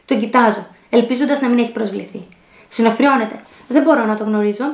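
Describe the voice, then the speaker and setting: A woman's voice: on the high side, vocal fry. Brief: a sarcastic woman reading a novel aloud with mocking comments, roomy echoey sound. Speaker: reader.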